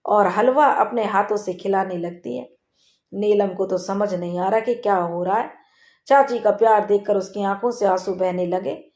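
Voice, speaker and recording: A woman's voice: mid-range voice, normal speed, a little mellow. Woman storyteller in an echoey room. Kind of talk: scripted folk-tale narration.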